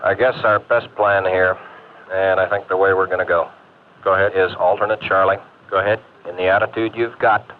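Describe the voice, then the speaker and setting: A man gives clipped, procedural flight controller calls over a space radio link. His voice sits fairly low and comes through thin and phone-like, with a faint hiss underneath. It sounds like an old mission control audio loop. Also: steady tone, brisk. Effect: space radio transmission.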